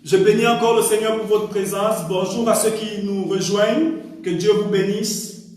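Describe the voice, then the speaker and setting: A man preaching and praying as an evangelist, in a measured, deliberate way. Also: high-pitched, flat delivery, darkish tone. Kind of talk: Easter sermon and prayer. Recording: very echoey room, distant mic.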